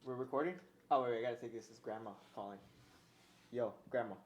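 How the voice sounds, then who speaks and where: A man's voice: mid-range voice, quick pace. A man co-hosting a casual podcast in joking gym-bro slang and hype, bantering with his partner. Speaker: podcast co-host. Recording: roomy echo, clear background noise.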